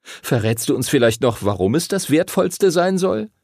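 Male reader voicing a grumpy storybook boy, a bit raspy. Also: fairly high pitch, sing-song, moderate pace, a little mellow, no echo, studio quality, pitched above the performer's own voice, heavily acted. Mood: sullen. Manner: sullen, sarcastic. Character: grumpy, sarcastic young boy.

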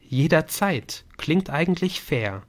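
A man's voice: fairly high pitch, slow pace, pitched above the performer's own voice. A man voicing a curious teenage girl. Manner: raised, lively, wondering voice.

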